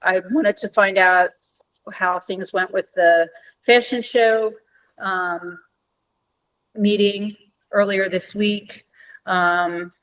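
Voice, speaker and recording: A woman discussing event planning informally at a meeting, halting often to find her words. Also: on the low side, low-quality recording. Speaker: event organizer at a board meeting.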